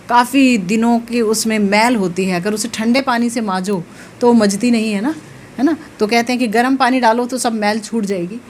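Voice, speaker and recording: A woman spiritual teacher giving a devotional discourse, telling a sacred story slowly and with rising emotional emphasis. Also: fairly high pitch, slight background noise.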